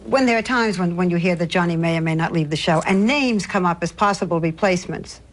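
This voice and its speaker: A woman narrating a news magazine segment and interviewing a guest with measured, probing questions. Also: fairly low pitch. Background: music.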